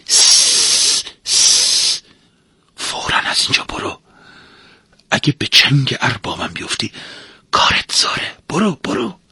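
A crafty young servant girl, put on by a man reading a storybook, pipes up in a high, husky voice that leaps around wildly. She cries out shrilly or drops to a hushed warning. The sound is close and dry. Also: sing-song, no echo, full character voice. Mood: whispering. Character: clever scheming young female servant.

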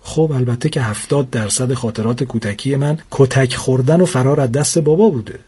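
A man narrating a first-person comic story with wry, deadpan complaints. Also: mid-range voice, husky.

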